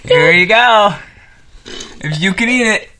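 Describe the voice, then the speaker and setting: A man's voice: high voice, lively intonation, slow, pushed and bright. A teenage boy chatting casually and bossily laying down the rules on a homemade challenge video. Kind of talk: casual chat during a candy challenge video. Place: wooden-floored room at home, indoors. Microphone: handheld phone or camera. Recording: noisy handheld home phone recording with clicks.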